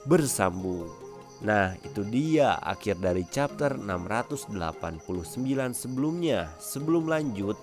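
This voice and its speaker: A man with a lowish voice recaps a comic chapter in steady scripted narration. He ends with friendly appeals to the viewers, over soft background music.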